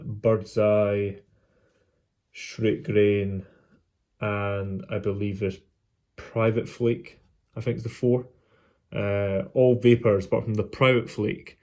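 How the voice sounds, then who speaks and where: A man talking casually to viewers as a vlog host, in a halting, unscripted way with trailing phrases. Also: fairly low pitch, darkish tone. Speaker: host of a pipe smoking vlog.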